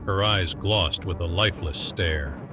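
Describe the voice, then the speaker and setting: A man narrating a science fiction audiobook in a measured storytelling delivery, over music. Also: deep voice. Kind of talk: scripted narration.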